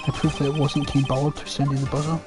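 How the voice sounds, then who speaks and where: A man's voice: a little high, level tone, fast. A man reading a courtroom game aloud, switching between its characters. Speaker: reader voicing a game. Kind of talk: voice-acted game playthrough. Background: music.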